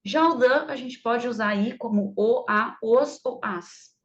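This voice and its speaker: A Portuguese-speaking woman who teaches English explains grammar chattily in a fairly high voice, drawing out each English example slowly. The audio is a bit dull and lo-fi.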